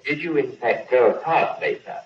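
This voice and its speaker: A man putting measured, persistent questions as an interviewer, heard on an old 1950s archival recording. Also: mid-range voice, a little hiss or hum. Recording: echoey, dull old broadcast recording.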